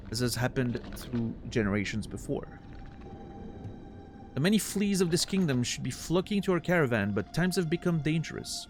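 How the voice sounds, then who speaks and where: A man's voice: on the high side, pitched above the performer's own voice. A man voicing a grandiose, courteous flea caravan master from a video game, with a theatrical, flowery showman delivery. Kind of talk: dramatic read-aloud of video game dialogue.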